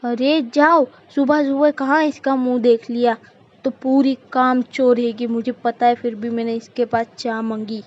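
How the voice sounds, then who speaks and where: A woman voicing a bossy, scolding middle-aged mother-in-law in a cartoon, with a sharp, commanding way of talking. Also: a little high, steady tone, moderate pace, lightly acted. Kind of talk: cartoon voice acting. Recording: dull lo-fi recording.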